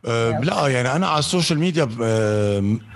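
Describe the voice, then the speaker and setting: A man's voice: mid-range voice, animated, quick pace, slight background noise. A Lebanese man in a casual interview, mixing Arabic with English phrases and often searching for the right word. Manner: searches for words mid-sentence. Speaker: interview guest, on-air programme presenter.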